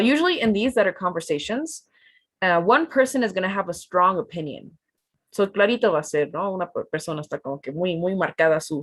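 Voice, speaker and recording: Woman teacher, low voice, dry close sound, casual bilingual online class. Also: no room sound. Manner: relaxed, chatty, switches between English and Spanish. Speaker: English test-prep teacher. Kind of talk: online class instruction, mixing English and Spanish. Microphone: video call.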